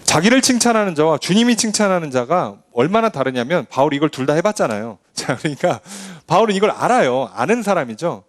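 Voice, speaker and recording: A man's voice: fairly high pitch, very animated, fast talker, hardly any pauses. A man preaching a Sunday sermon as pastor, acting out boastful people with scoffing clicks.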